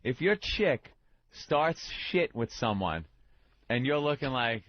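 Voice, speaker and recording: A man's voice: medium pitch, big pitch swings, takes it slowly, dry recording. A man chatting casually on a radio show, answering with his own story. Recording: dry lo-fi radio studio.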